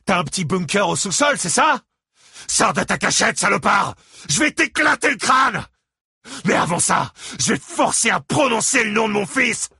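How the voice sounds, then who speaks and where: A rough, vengeful father who screams his accusations and insults. The voice climbs high and raw with a husky grain. It sits dry and close in an audiobook read. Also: very animated, normal speed, bright, forceful tone, no room sound, heavily acted. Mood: raging shouts. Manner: bellowing threats and insults. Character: enraged grieving father, rough middle-aged man.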